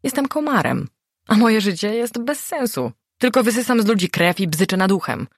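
A woman reading a first-person novel aloud in an expressive, animated way. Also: mid-range voice, moderate pace, slightly rough, no echo, clean studio sound. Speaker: audiobook reader. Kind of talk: first-person audiobook narration.

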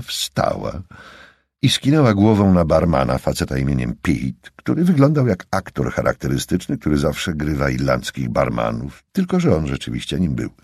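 A man narrating an audiobook in a lively, expressive reading. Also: extremely low pitch, creaky, breathy edge, dry recording, clean studio sound.

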